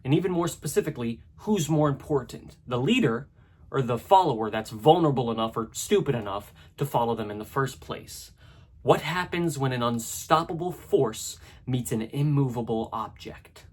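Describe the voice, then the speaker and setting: Husky man narrating a video essay. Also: mid-range voice, animated, normal speed. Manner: conversational and analytical, with asides.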